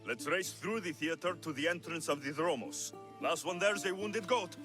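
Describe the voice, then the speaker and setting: An actor playing Alexios, a confident young Spartan warrior mercenary in a video game. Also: male voice, a little high, normal speed, music in the background, natural voice. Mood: confident, instructive. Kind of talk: scripted video game cutscene acting.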